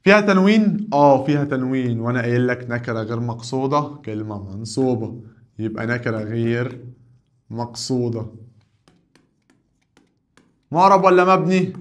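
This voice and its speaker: Egyptian man drilling grammar questions. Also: mid-range voice. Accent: Egyptian Arabic. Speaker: Arabic teacher.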